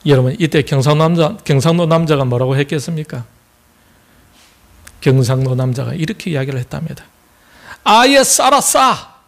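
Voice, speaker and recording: Give me a Gyeongsang man preaching, fairly high voice, folksy and joking. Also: fairly even intonation, brisk, creaky, darkish tone. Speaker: pastor. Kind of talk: sermon.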